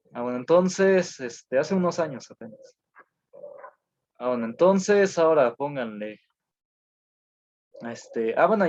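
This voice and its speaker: A man teaches over a video call, reading out notes slowly, repeating words and filling pauses with little sounds. His voice sits at an ordinary middle pitch. The call audio is dull and lo-fi. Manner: slow dictation with frequent fillers and repetitions. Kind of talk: online class lecture, dictating notes.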